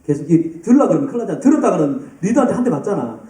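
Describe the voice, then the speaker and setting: A man preaching a sermon to a youth group, lively and addressing students by name. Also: high-pitched, very fast. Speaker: pastor. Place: church hall. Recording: roomy, distant church hall sound.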